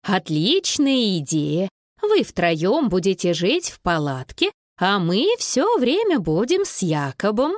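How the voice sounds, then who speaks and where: A woman's voice: mid-range voice, huge pitch swings, slow pace, no echo, studio quality. A woman voicing a cheerful, willing grandmother in a children's story.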